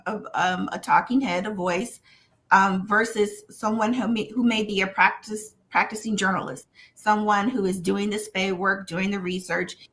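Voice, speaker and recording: A woman's voice: medium pitch, a bit bright. A woman who teaches journalism, speaking as a panel guest in an articulate, lecturing way that builds points in lists. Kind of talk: panel discussion.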